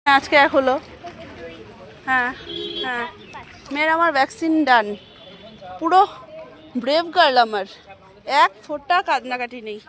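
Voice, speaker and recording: Chatty high-voiced Bengali mother vlogging. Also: a little hiss or hum, low-quality recording. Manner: chatty, rambling, switches to soft talk. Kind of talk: casual daily vlog narration.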